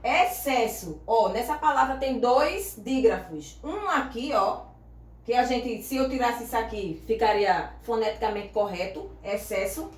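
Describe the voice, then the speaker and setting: A woman teacher, patiently explaining grammar, spelling letters out slowly and asking if the class understood. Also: on the high side. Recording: echoey room, voice from far off.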